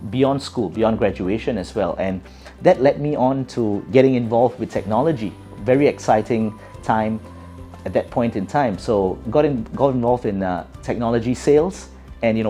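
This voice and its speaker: A middle-aged man from Singapore, speaking with a Singaporean English accent, answers an interviewer's questions thoughtfully, with many fillers and restarts. His voice is medium-pitched and warm in tone.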